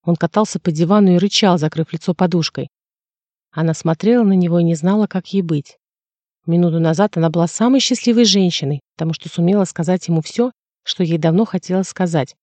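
A man reading a novel aloud in measured, reflective scripted narration. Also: high-pitched, a little mellow, dry recording. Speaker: audiobook narrator.

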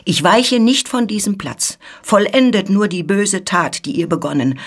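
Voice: mid-range voice, lively intonation, unhurried, voice pushed up. A reader voicing a brave, loyal woman servant who speaks strongly and firmly, in an audiobook reading. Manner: firm and steadfast, crying for help.

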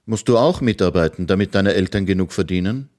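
A man's voice: low voice, a little fast, a little mellow, natural voice. A man voicing a cheerful little boy who rescues children in a storybook, speaking eagerly. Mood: concerned. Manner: eager, proclaiming.

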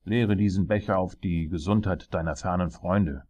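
A man reading an audiobook voices a cruel, mocking tyrant king who bullies and rages loudly. His voice is deep and husky. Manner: loud, mocking, bullying, quick to rage. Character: cruel, bellowing old male king, a tyrant.

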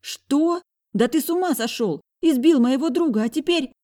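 A woman voicing a defiant eighteen-year-old girl, shrill and indignant in an audiobook. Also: animated, moderate pace, warm tone. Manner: shrill, indignant, pushing back. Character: bratty defiant young woman, hot-tempered.

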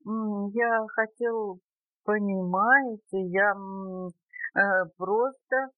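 A woman as a gentle, well-mannered moose. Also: medium pitch, sing-song, unhurried, dry recording. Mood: flustered. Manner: hesitant, mild, polite. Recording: dull dry cassette tape.

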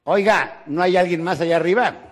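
A Mexican man voicing a desperate man hanging from a cliff, crying out high and loud for help. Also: fairly quick, a faint crowd. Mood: pleading, desperate.

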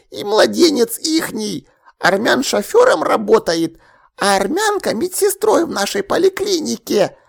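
Audiobook: male reader playing a gossiping elderly neighbor lady, high and gravelly, conspiratorial, lively swooping pitch. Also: exaggerated voice. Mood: whispering gossip. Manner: conspiratorial, scolding, drawn-out exclamations. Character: nosy fussy elderly woman neighbor, gossiping. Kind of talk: audiobook character voice.

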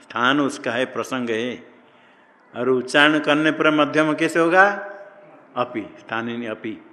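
A man teaching Sanskrit grammar in a slow classroom lecture, posing questions and answering them himself. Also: medium pitch, pushed and bright. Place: ashram classroom. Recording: long hall reverb.

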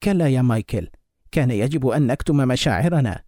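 A man's voice: medium pitch, animated, brisk, warm tone, no room sound, clean studio sound, close to an everyday voice. A man voicing a troubled young married woman in love, reading her lines in a restrained, sorrowful way.

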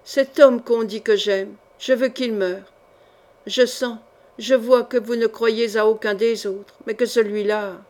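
A woman's voice: a little high, steady tone, measured pace, a little mellow, close to an everyday voice. A woman voicing a haughty, scornful queen. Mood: commanding. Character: proud scheming queen, woman, haughty and passionate.

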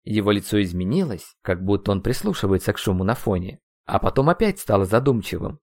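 A man narrating a first-person audiobook, expressive and ironic. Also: lowish voice, brisk, dry recording, clean studio sound.

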